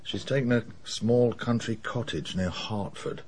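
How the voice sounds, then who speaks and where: An actor playing a middle-aged English police inspector, dry, sardonic and matter-of-fact in a radio drama. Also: male voice, on the low side, measured pace, a little mellow, slight background noise, lightly acted.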